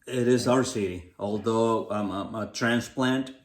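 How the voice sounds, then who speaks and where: A man from the Los Angeles area co-hosts a casual community podcast, speaking in a low-leaning, unhurried voice. He sounds upbeat and motivational, repeating phrases as he goes. The recording has an echoey room sound.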